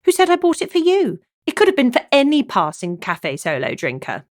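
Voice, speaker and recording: A woman's voice: mid-range voice, animated, normal speed, no room sound, studio quality, natural voice. A woman voicing a playful, flirtatious female amateur sleuth in a cozy mystery audiobook. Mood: teasing.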